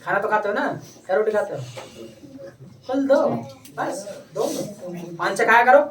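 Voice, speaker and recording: A male teacher coaxes his class, pitched a little high and asking the same question again and again. He sounds far off in an echoey classroom, with faint noise behind him. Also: moderate pace, fairly bright tone. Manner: coaxing, repeats questions to pupils. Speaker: English teacher. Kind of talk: classroom lesson. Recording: echoey room, distant mic, faint noise.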